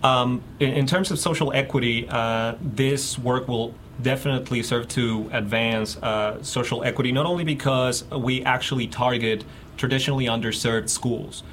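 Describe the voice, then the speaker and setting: A man's voice: mid-range voice, fairly even intonation, a bit bright. Man from Mexico, interview guest; mid-range voice, stop-start delivery, light room noise. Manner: halting, many fillers and repeats. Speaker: guest researcher. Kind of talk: radio interview.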